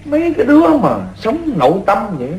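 A man's voice: very high-pitched, huge pitch swings, fairly quick, a little mellow, reverberant, a little hiss or hum, full character voice, rough recording. An actor playing a fretful, doting rural father with a Southern Vietnamese accent in an old radio play, scolding and repeating himself.

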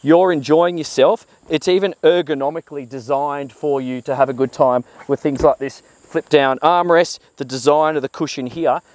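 A man's voice: fairly high pitch, normal speed, hardly any pauses, a little mellow. Chatty Australian man on a boat. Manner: enthusiastic, chatty, with frequent fillers and restarts. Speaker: boat reviewer. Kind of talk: walkthrough presentation. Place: outdoors on a boat on a calm waterway. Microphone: lapel mic.

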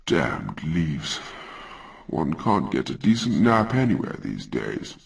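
A man's voice: rumbling low, sing-song, slow pace, gravelly, distant mic, voice pushed down, exaggerated voice. A man voicing a huge, sleepy male giant who talks in a lazy, offhand, condescending way. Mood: drowsy. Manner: lazy, mumbling, patronizing. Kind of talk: storytelling character voice.

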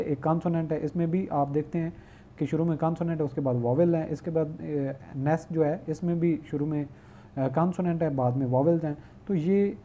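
A male teacher giving an online lecture. He reads English definitions slowly, explains them at length, and asks questions he answers himself. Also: a little high, dark tone.

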